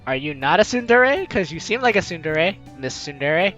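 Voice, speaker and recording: A young woman runs a let's-play, voicing the game's text and commenting in a bright, teasing, theatrical tone with big pitch swings at a moderate pace. Faint music plays in the background, and the audio sounds dull.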